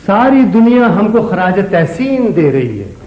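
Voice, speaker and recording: An actor playing a self-important young poet son who speaks in flowery words, in a comic stage play. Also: male voice, high voice, sing-song, a little slow, darkish tone, echoey room, low-quality recording.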